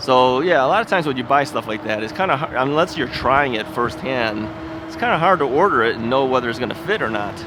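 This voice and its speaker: With a camera mounted on his bike, a man from the United States talks his way down a city street in a chatty ebike vlog. His brisk, expressive, medium-pitched delivery rambles folksily with plenty of filler words and small chuckles, while cars and street noise sound clearly behind him.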